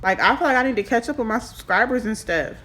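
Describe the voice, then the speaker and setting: A woman's voice: a little high, animated, quick pace, fairly bright tone, slight background noise. A woman in her twenties chatting casually to camera in a giggly, tipsy ramble, as a makeup vlogger. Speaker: vlogger giving a makeup tutorial. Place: small room at home, indoors.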